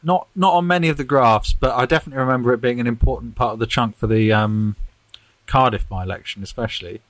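Medium-pitched and fairly bright, this man talks fast as he co-hosts a podcast of casual political chat. He rambles, pokes fun at himself, and chuckles a lot. The audio is poor, with no echo.

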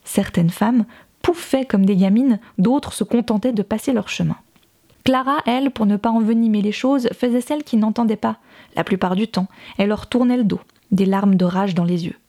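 A woman reading a novel aloud in calm, measured scripted narration. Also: medium pitch. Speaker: audiobook reader.

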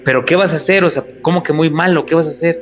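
A man with a Mexican accent voicing a gentle, forgiving male pastor in a retold anecdote, on a slightly muffled radio recording. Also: a little high, quick pace, soft background music, voice pushed up, natural voice. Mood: concerned. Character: calm forgiving male pastor facing a gunman.

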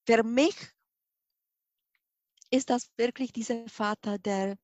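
A middle-aged Czech woman from the Czech Republic, a hypnosis and regression therapist, shares a personal account as an interview guest in a Czech accent. Her voice is on the high side, steady, slow, and a little mellow, and she searches for words and speaks with emphasis. There's no echo.

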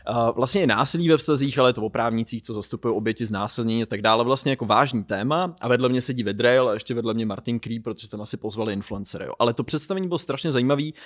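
A man's voice: medium pitch, few pauses, a bit bright. A man hosting a casual podcast chat, who thinks aloud and gives long, reflective explanations.

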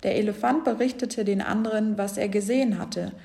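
A woman reading a children's storybook aloud in a gentle, clear voice. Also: medium pitch, steady tone, fairly quick.

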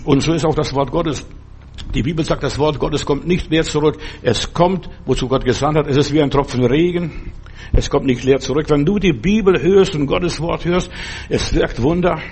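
A man's voice: on the high side, husky. A man preaching a sermon with emphatic delivery, repeating phrases and restarting sentences as he goes.

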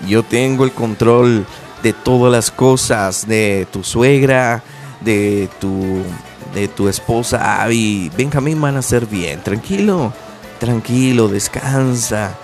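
A man putting on the voice of God as a calm, gentle, fatherly figure who speaks slowly and soothingly. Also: mid-range voice, faint music behind, lightly acted. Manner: soothing, slow, reassuring.

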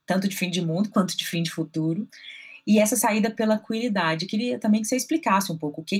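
Woman podcast host, lowish breathy voice, measured questions. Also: darkish tone. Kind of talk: interview questions.

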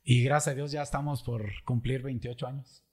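A man's voice: mid-range voice, steady tone, a little fast. A middle-aged man with a Mexican Michoacán accent, hosting a show and telling a personal story in a casual, joking, colloquial way. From La Piedad, Michoacán, Mexico. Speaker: podcast host.

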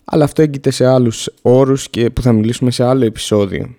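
A man's voice: mid-range voice, mellow. Man explaining music theory plainly. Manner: plain, down-to-earth explaining, counting off notes and steps. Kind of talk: casual podcast lesson.

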